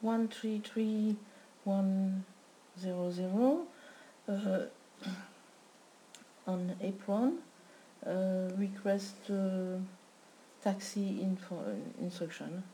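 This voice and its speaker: A woman practises air traffic control radio phraseology as a student pilot. Her delivery is slow and halting, and her tone is soft-edged and relaxed. There is some noise behind her. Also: mid-range voice, rough recording.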